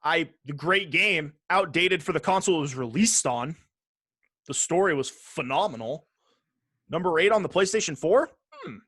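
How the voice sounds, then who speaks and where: Here a man co-hosting a podcast works through a ranked list, commenting casually and throwing in some swearing. His voice is a little high, bright and slightly rough, with lively intonation at normal speed. The sound is clean studio audio without echo.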